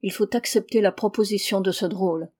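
An earnest, devoted young son, read aloud by a woman. He sounds calm and gentle, with a mellow, warm tone, as in a storybook. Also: mid-range voice, a little fast, lightly acted.

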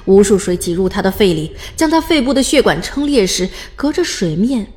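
A woman narrates a scripted audiobook with dramatic phrasing. Her pitch is in the middle female range, and faint music plays behind her. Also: sing-song, moderate pace, darkish tone.

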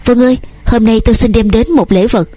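Earnest young male suitor, read by a woman, eager and wordy, husky dark tone, audiobook. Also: fairly high pitch, a little fast, no room sound, faint music behind.

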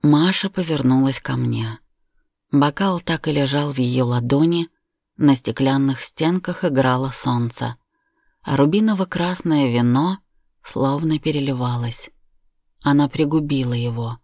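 A woman reads a first-person story aloud with measured, steady pacing. Her voice sits low, and the recording is close and dry. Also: no echo. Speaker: audiobook narrator. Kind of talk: scripted narration.

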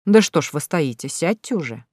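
A woman voicing a haughty, contemptuous middle-aged landowning lady who speaks in a sharp, scornful way. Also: low-pitched, sing-song, a little fast, slightly rough, dry recording, studio quality, exaggerated voice.

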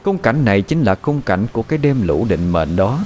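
A man narrating a horror story in a dramatic, expressive style. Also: fairly low pitch, a little fast, slight background noise. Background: faint background music.

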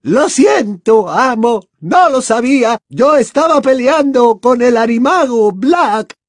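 A man voicing a fanatical female witch in an audiobook, shrill and screaming. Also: animated, slow, no echo, studio quality, heavily acted. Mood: shrieking. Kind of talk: audiobook character voice.

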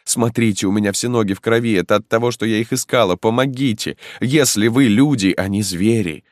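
A man's voice: fairly low pitch, fairly quick, dry recording, clean studio sound, voice pushed up, lightly acted. A man voicing a desperate young peasant mother who wails and pleads for help. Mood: pleading. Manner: pleading, wailing cries for help.

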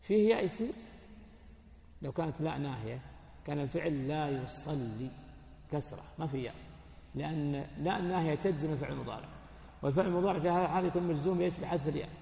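A sheikh gives a classroom lesson on hadith, his voice pitched high with a gravelly edge. He keeps quizzing his listeners and then answers himself, in plain colloquial explanation. The sound rings through a large hall with a long, echoing tail. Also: racing, pauses often, dark tone. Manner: asks students questions, then answers them himself. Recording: echoey hall with long reverb.

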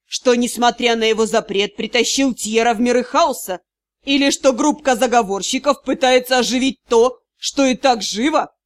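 A woman voicing a weary, gruff male magister who growls out curt, tired lines, in a storybook reading. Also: extremely high pitch, moderate pace, no echo. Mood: grim.

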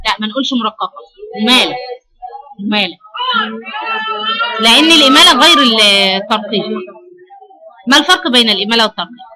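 A woman's voice: a little high, expressive, fast, long pauses, crowd noise. An Egyptian woman teaching a Quran recitation class, questioning her students as she explains. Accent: Egyptian Arabic.

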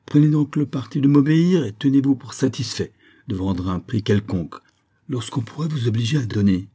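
A man reading an audiobook, voicing a calm, firm army captain who gives curt commands. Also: medium pitch, brisk, slightly rough, voice pushed up. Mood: commanding. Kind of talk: audiobook character voice.

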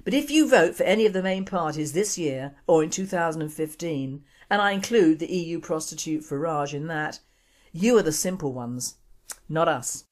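A woman's voice: deep voice, lively intonation, moderate pace, darkish tone. A woman from the United Kingdom presenting opinionated commentary in a scornful, indignant manner. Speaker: show presenter.

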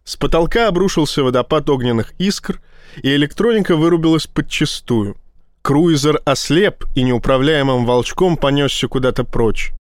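A man reading a tense science fiction audiobook in a steady storytelling voice. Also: fairly high pitch, normal speed, dry recording, clean studio sound. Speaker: audiobook narrator. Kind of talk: scripted narration.

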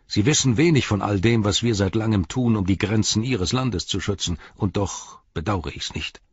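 A man's voice: fairly low pitch, normal speed, slightly rough, no room sound, muffled recording. A man reading a story and voicing an earnest male ranger companion in a raised voice.

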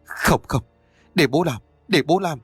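A man's voice: fairly high pitch, expressive, a little slow, slightly rough, no echo, faint music behind, pitched above the performer's own voice, exaggerated voice. A man voicing a remorseful aging father who speaks humbly, pleading and apologetic.

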